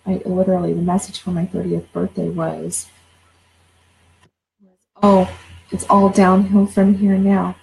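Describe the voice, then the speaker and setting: Blunt, gravelly-voiced woman coach in her forties. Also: fairly low pitch, a little mellow, slight background noise, poor audio. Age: 40s. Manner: blunt, swears, repeats words when fired up. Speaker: life coach. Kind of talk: casual livestream talk.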